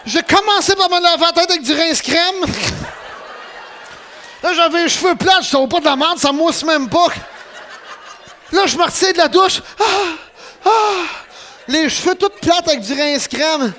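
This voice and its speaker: Quebec guy with a really high voice, excitable comic storyteller, keeps yelping. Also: normal speed, long pauses, a little hiss or hum. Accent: Quebec French. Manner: excitable, laughing, yelps and exclamations. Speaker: radio host.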